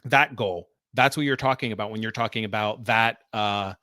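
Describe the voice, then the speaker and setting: A man's voice: fairly low pitch, moderate pace, bright, forceful tone, no echo. Man, soccer podcast co-host, tactical breakdown, explanatory, dry close sound. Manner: explanatory, talks through plays step by step.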